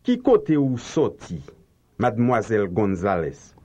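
A man reads translated phrasebook lines for a language course, slow and careful. His pitch rises and falls a lot, so the drill sounds lilting. The recording is dull and lo-fi, like an old cassette lesson. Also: sing-song, mellow.

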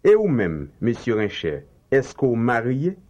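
A man reads translated phrasebook lines for a language course, slow and careful. His pitch rises and falls a lot, so the drill sounds lilting. The recording is dull and lo-fi, like an old cassette lesson. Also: wildly swooping pitch, darkish tone.

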